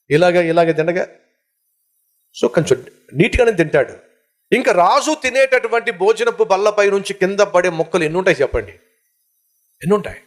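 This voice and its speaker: Male pastor, fairly high voice, animated sermon delivery. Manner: preaching with dramatic swings in pitch, rhetorical questions to the congregation.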